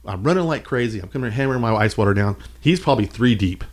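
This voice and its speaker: A man telling lively stories in a casual chat, acting out his own reactions as he goes. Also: fairly low pitch, fast talker. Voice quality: animated, expressive delivery. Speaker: podcast guest.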